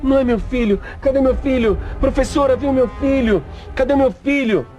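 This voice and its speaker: A man's voice: very high voice, moderate pace, mellow, muffled recording, soft background music, voice pushed up. A man voicing a frantic father who urgently and repeatedly calls out for his son.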